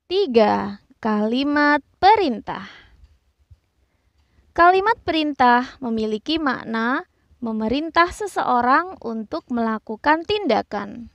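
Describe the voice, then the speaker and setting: A woman narrating a scripted grammar lesson, explaining slowly and carefully and reading out examples. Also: high voice, animated, no echo, lo-fi sound. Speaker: teacher.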